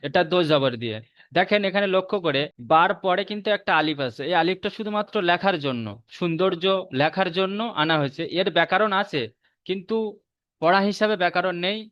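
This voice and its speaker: A man with a Bengali accent teaching Quran reading in a recorded online lesson, repeating rules and slowly drawing out each letter. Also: sits high, clear, resonant tone, no echo. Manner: slow drawn-out spelling of letters, repeats rules for memorizing. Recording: dull muffled lo-fi audio.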